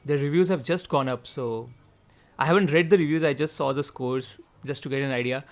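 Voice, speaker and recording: A man hosting a gaming video, giving quick, chatty gameplay commentary and thinking aloud as he goes through the settings. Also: mid-range voice. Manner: quick talker.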